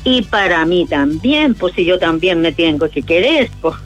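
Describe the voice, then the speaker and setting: A woman's voice: fairly low pitch, lively intonation, unhurried, faint music behind. A cheerful, chatty woman from Chile with a Chilean accent, calling into a radio show by phone and laughing often. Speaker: caller. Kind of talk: phone-in chat. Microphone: phone call.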